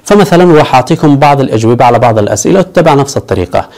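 A man's voice: medium pitch, expressive, rapid-fire, darkish tone. Upbeat man teaching English. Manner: explains step by step, switching between Arabic and English; upbeat, repeats a catchphrase. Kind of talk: online language lesson.

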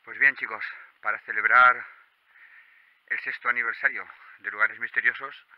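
A man with an accent from Spain narrating a night exploration vlog in a hushed, halting way as he walks. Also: medium pitch, steady tone, lo-fi sound. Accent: Spanish, from Spain. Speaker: urban exploration vlogger. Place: on foot at night among abandoned rural buildings and woods.

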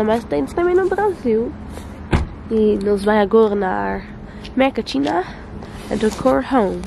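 A young adult woman raised in the Netherlands narrates a casual travel vlog in Portuguese, not her first language, often pausing to find words and sometimes slipping into English. It's filmed outdoors and indoors, in an apartment and on the streets. Her fairly high voice is gravelly and a little mellow, with a little hiss or hum on the recording.

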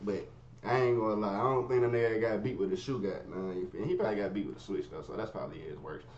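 A man telling a story in casual, profane street slang, swinging from low mutters to high yelps. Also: fast, darkish tone, a little hiss or hum. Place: his bedroom. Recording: roomy, dull lo-fi sound.

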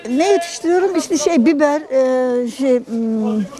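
Casting: woman, late 60s, high voice, toothless slurred diction, off-the-cuff street interviewee. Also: lively intonation, a little slow, music in the background. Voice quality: toothless, mushy articulation. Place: busy outdoor street market. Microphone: handheld reporter microphone held close.

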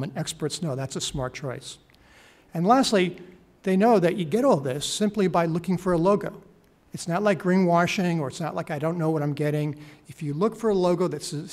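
A man's voice: fairly high pitch, a little mellow. A middle-aged man presenting a government home program on a policy panel, enthusiastic and persuasive, speaking into a table mic in a wood-paneled hearing room. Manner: enthusiastic, persuasive, gestures while talking. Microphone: table mic on stand.

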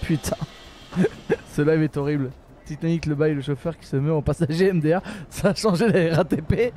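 A man streams himself playing a bus simulator, talking briskly in a slightly high voice with a bit of background noise. Exasperated and swearing, he's animated, jumping from mutters to outbursts and laughing at himself.

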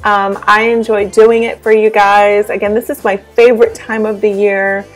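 A woman in her thirties talks through her kitchen decorating in a relaxed, chatty voice-over, full of ums and little asides. Her voice sits at an ordinary middle pitch. Faint music plays underneath. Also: moderate pace. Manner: chatty, with frequent um fillers and asides. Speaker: home cleaning and decor vlogger. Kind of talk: casual voice-over chat.

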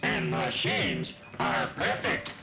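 For a children's puppet sketch, a man voices a boastful, stubborn robot, speaking in a stiff, deliberate mechanical way. The recording is reverberant.

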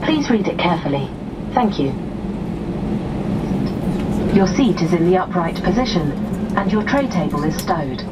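Low-voiced woman reading a flight safety demo. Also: very animated. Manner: formal, measured reading. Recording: distant cabin speaker, loud aircraft noise. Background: loud aircraft cabin noise.

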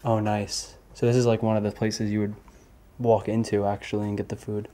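A man exploring an abandoned speedway building, giving quiet, offhand commentary. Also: lowish voice, fairly quick. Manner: quiet, flat, offhand remarks. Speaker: urban explorer filming a walkthrough.

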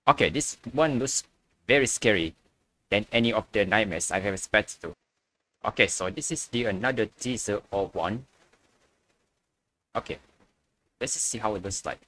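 A man's voice: on the low side, normal speed, pauses often, bright, forceful tone. A young man giving casual reaction commentary as a video host.

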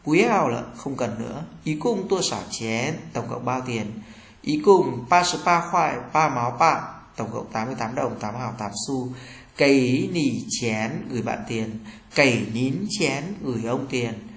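A man's voice: medium pitch, expressive, a little slow, gravelly, a bit bright, reverberant. A Vietnamese man teaching a language lesson, reading short example phrases and translating each one.

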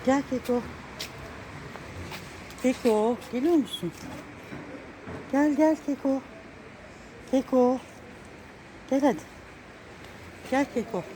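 Walking slowly along a busy street with long pauses, a woman with a somewhat high voice fondly coaxes and scolds the cat she found. It's a casual vlog shot on a handheld phone, with loud traffic and outdoor noise in the background.

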